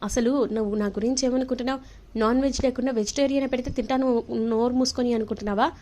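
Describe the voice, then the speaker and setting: A woman's voice: a little high, fairly even intonation, fast, darkish tone, close to an everyday voice. A woman voicing an angry young husband who scolds his wife, in a telling of a TV serial. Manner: scolding, indignant.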